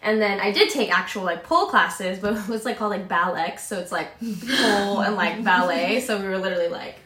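A young woman guest chatting casually and telling animated, giggly, self-mocking stories, saying "like" very often and acting out quotes. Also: medium pitch, brisk. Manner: says like a lot. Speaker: podcast guest. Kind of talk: casual chat, animated storytelling. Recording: echoey room.

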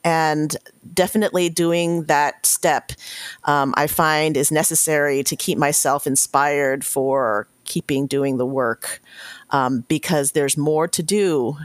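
A woman speaks as a podcast guest, thinking aloud with frequent pauses and restarts. Her voice sits low and moves at a slow, unhurried pace. The sound is smooth and close, with a dry recording. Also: fairly even intonation, no room sound. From Washington State, US. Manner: reflective, with many fillers and restarts. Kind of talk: podcast interview answer.

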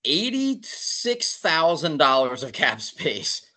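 A man co-hosting a casual hockey podcast, animated and profane as he reads through statistics. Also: on the high side, slow, breathy edge. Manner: animated, swears, rattles off statistics. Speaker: podcast co-host. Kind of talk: casual sports talk.

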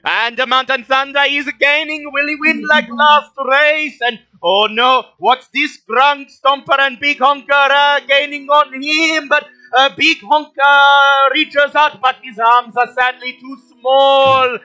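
A man voicing an excited male race announcer whose voice is magically amplified, calling the race loudly as a game master. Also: slow pace, hardly any pauses, soft background music, exaggerated voice, poor audio. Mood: excited commentary. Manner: high, shouted, excited play-by-play calls. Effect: loud, amplified announcer voice.

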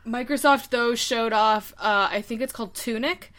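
A woman's voice: fairly high pitch, normal speed, fairly bright tone. A woman co-hosting a casual chat, rambling and searching for words, laughing often. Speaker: podcast co-host. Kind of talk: casual chat about games.

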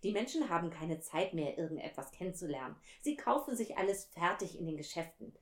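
A woman's voice: fairly low pitch, expressive, fairly quick, lightly acted. Wise wistful fox, as a woman reads him aloud. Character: wise gentle male fox, longing for friendship. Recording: roomy echo.

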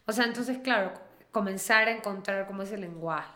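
A woman's voice: mid-range voice, a little fast, a bit bright. A woman in her thirties, a singer-songwriter talking casually in an interview, chatty and often trailing off to restart. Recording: roomy echo.

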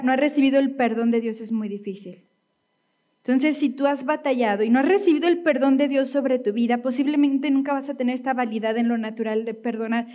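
A woman's voice: sits high, mellow. Chatty woman pastor. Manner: conversational preaching with frequent tag questions. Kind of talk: sermon.

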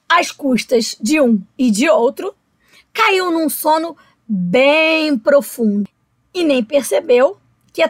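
High-voiced woman reading a children's story. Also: no room sound. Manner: slow, expressive, addresses children.

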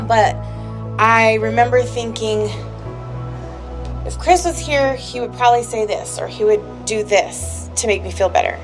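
A woman's voice: on the high side, unhurried. Candid woman talking, music underneath. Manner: candid and emotional, heavy use of "like". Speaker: podcast co-host. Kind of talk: casual personal talk with her husband.

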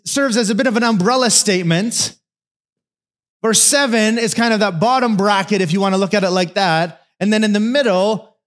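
A man's voice: sits high, a bit bright. A man preaching a sermon as pastor, talking in a conversational, storytelling way with joking asides.

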